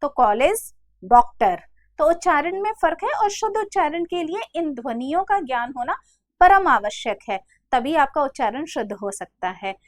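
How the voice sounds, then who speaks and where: A woman teaching a Hindi grammar lesson over slides, speaking patiently, repeating examples slowly and calling her students "beta". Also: high-pitched, expressive, dry recording, studio quality.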